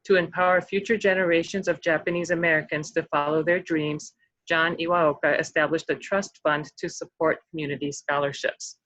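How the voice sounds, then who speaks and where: A host presenting scholarship awards at an online ceremony, pausing often with ums and slightly losing their voice. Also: medium pitch, steady tone, fairly bright tone, no echo, rough recording. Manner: halting, many ums.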